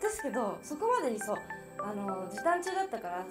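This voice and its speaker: Fast, high-pitched young woman. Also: very animated. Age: young adult. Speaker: show regular. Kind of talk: casual anecdote telling. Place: large bright indoor TV studio. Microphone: lapel mic. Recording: loud music behind.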